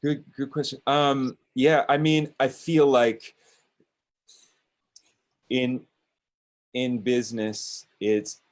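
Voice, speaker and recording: A man with a mid-range voice speaks slowly and in a level tone, pausing often. He's a business owner appearing as a panel discussion guest, and he sounds hesitant, restarting sentences and using many fillers.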